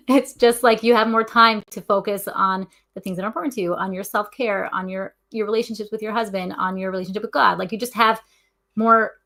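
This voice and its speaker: A woman joins a casual interview as a guest. Her voice is bright and crisp, and she talks in a friendly, practical way with easy laughter. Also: mid-range voice, fairly even intonation, a little fast. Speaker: guest, tech consultant.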